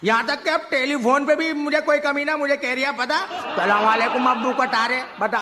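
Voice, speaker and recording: A man's voice: extremely high pitch, normal speed, over a noisy crowd. A man in a comic sketch, irritable and scolding, laughing as he rants. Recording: hall reverb with clear noise.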